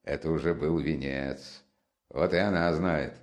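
A man voicing an excitable, talkative young man who rattles on with teasing, boastful animation in an audiobook. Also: a bass voice, unhurried. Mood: excited. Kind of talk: audiobook character reading.

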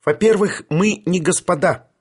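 A shrill, brash young woman activist cries out in a high, ringing voice, as a man reading a book aloud puts her on. The tone is husky and strident, each line flung out like a slogan. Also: a little slow. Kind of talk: audiobook character voice.

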